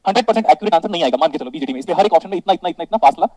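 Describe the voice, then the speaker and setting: High-voiced man teaching a class. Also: lively intonation, very fast, dark tone, dry recording, rough recording. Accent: Indian. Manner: calls students "beta" and keeps asking if it is clear; jokes with the class. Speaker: electronics teacher. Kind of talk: classroom lecture in mixed Hindi and English.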